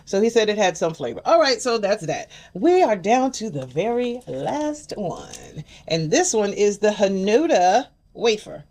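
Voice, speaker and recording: A woman's voice: medium pitch, sing-song, measured pace, few pauses, a little mellow. An older woman hosting a casual chat, chatty, sometimes reading package text aloud. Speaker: host.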